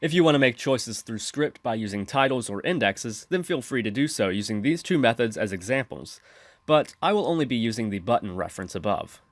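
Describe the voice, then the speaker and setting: Speaking briskly and expressively at medium pitch, a man narrates a scripted tutorial, methodically explaining each step. It's a close-mic screen-recording voice-over with a dry sound.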